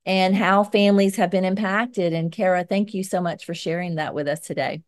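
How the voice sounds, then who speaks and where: A woman's voice: on the low side, fairly even intonation, moderate pace, dry recording, studio quality. A middle-aged American woman with a Southern accent from Georgia, speaking as a show host in conversation and commentary. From Georgia, United States. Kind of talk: conversational interview and spoken commentary.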